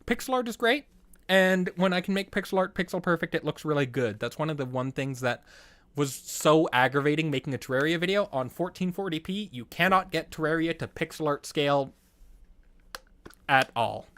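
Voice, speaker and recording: A man casually talking through the making of his own videos, rambling, trailing off and restarting, with bursts of excitement. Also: a little high, moderate pace, no room sound. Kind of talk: casual behind-the-scenes commentary.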